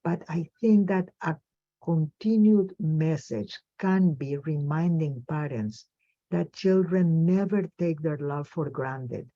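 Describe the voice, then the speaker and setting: A woman psychologist giving a webinar lecture, speaking in a measured, thoughtful way with pauses and fillers. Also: low-pitched. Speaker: child psychologist presenter. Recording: dull lo-fi webinar audio.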